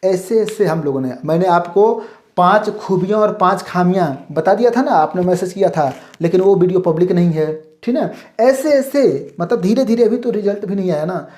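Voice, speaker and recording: A man's voice: high voice, dark tone. A male Hindi teacher giving a mock demo class, asking questions, then answering them himself, in a call-and-response manner. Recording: roomy echo.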